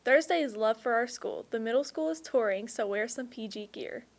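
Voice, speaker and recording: A woman's voice: on the high side, normal speed, creaky. A teenage girl anchoring a student news show, upbeat and playful. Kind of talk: scripted school news reading.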